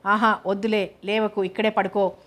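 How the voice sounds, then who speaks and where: Woman narrator doing a soft-spoken young husband in a storybook, coaxing, calm and even, not much rise and fall. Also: mid-range voice, normal speed, natural voice.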